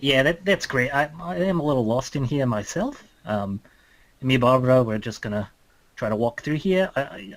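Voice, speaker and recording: A man voicing an easygoing, friendly druid in a tabletop game, with a halting, colloquial manner. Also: mid-range voice, no room sound, natural voice, rough recording. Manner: laid-back, halting, colloquial. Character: Marcus, easygoing, friendly male druid fond of animals. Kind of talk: improvised tabletop role-play.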